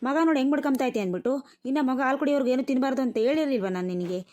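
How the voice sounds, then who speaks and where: A woman voicing a tired, sharp-tongued village grandmother in a cartoon, nagging and scolding. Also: sits high, expressive, very fast. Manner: nagging, scolding rural speech. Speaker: grandmother tending a newborn.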